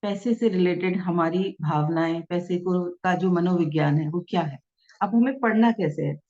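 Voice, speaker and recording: Woman, low-pitched, patient teacher, expressive reading aloud, muffled lo-fi audio. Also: normal speed. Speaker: self-help teacher. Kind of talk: explanatory talk to camera. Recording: dull lo-fi sound.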